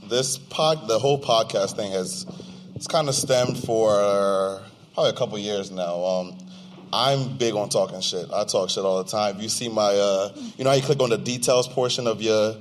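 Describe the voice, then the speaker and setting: At a live event venue, this young podcast co-host from the United States, of Nigerian descent, talks casually and with slang to the crowd at normal speed in a lowish voice. The recording is slightly distorted with slight background noise.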